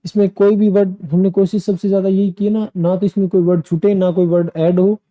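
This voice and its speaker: An Indian teacher coaches students through an English exam in a classroom lesson, explaining the tasks directly and going over points more than once. His voice sits high with little pitch movement, warm in tone and a little fast, on a rough recording.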